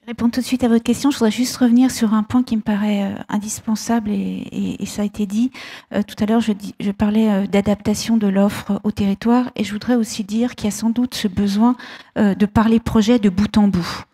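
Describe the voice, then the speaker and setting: A woman speaking as a bank executive on a debate panel, brisk and assured, with some restarts. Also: medium pitch, fairly even intonation, dark tone, slightly rough, long reverb tail. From France.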